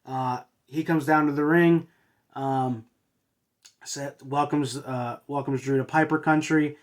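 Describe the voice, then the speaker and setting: Slow and on the high side, this host's voice stays fairly even in intonation as he reviews a wrestling show. His casual recap is hesitant, with lots of uhs and false starts.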